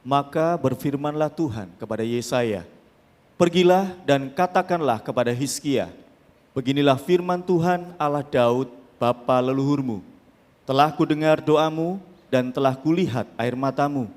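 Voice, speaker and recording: A man's voice: mid-range voice, measured pace, a little mellow, big-room sound. A man reading a scripture passage aloud during a church service. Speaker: scripture reader. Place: church sanctuary.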